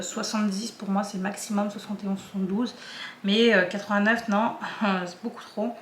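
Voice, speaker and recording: A woman's voice: mid-range voice, fairly bright tone, slight background noise. Chatty woman, hesitant, echoey room. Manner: chatty, hesitant, many fillers. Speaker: vlogger. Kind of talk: casual chat.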